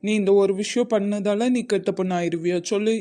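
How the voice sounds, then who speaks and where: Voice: medium pitch, brisk, mellow, lightly acted. A voice actor playing a proud, loving middle-aged father in a cartoon, firm and reassuring, with a Tamil accent.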